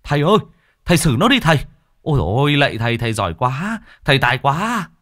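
A man voicing an excited village onlooker who gushes loudly. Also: on the high side, quick pace, pitched above the performer's own voice. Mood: gushing. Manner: gushing, loud.

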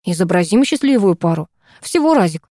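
A coaxing young footballer begging his ex for a favour, read by a woman in her own mellow voice. The delivery is dry and close, with little room sound, like an audiobook. He pleads softly and persistently. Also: lowish voice, big pitch swings, brisk, no room sound. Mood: pleading.

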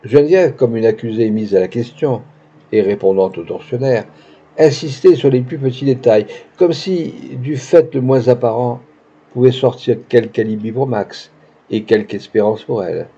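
Homme, lecture de roman, voix sombre et voilée, son étouffé. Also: male voice, medium pitch, moderate pace, dark tone, breathy edge. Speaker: audiobook narrator. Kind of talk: literary audiobook reading. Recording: dull lo-fi recording.

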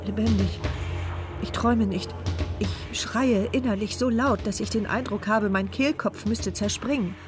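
A frightened woman, played by an actress, narrates her ordeal from the inside in a radio play, her mid-pitched voice tense and close. Faint music runs beneath her words. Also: a little slow, close to an everyday voice. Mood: terrified. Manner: tense inner monologue, first-person narration.

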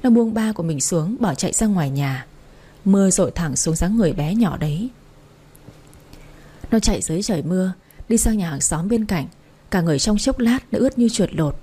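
A woman narrating an audiobook story in a steady, emotive storytelling manner. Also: lowish voice, a little fast, breathy edge.

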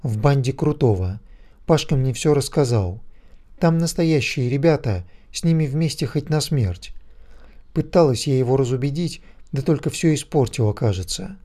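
A man's voice: medium pitch, lively intonation, normal speed, mellow, natural voice. A man voicing an anxious but firm wife and mother, urgent and insistent, in a storybook reading. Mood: worried.

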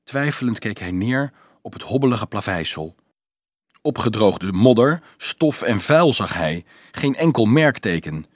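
A man narrating a storybook aloud in an expressive, animated reading. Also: fairly low pitch, a little slow, dry recording, studio quality. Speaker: audiobook narrator.

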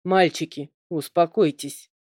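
A woman's voice: fairly low pitch, steady tone, measured pace, a little mellow, slightly rough, no room sound, studio quality. King: a woman voicing a tired, patient fairy-tale king. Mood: weary. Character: weary middle-aged male fairy-tale king. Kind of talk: audiobook reading.

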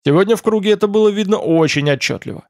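A man's voice: high voice, fast, darkish tone, dry recording, clean studio sound, pitched above the performer's own voice. A man voicing a wry young male companion who teases dryly.

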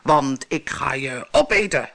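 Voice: mid-range voice, expressive, unhurried, creaky, fairly bright tone, heavily acted. A narrator voicing a hungry green one-eyed monster under a bridge, growling and bellowing in a storybook reading. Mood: menacing.

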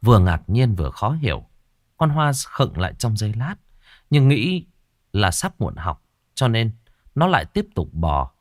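A man narrating a ghost story in a lively, dramatic way. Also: fairly low pitch, a little slow, dry recording, clean studio sound.

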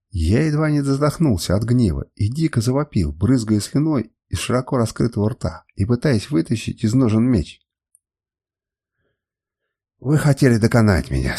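Husky, expressive male audiobook narrator. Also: on the low side. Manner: emotional first-person storytelling.

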